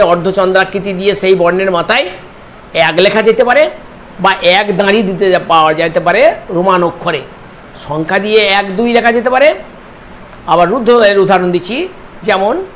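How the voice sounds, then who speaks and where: Male teacher, high voice, slow deliberate delivery that breaks words into syllables, faint background noise. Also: a bit bright. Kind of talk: recorded lecture.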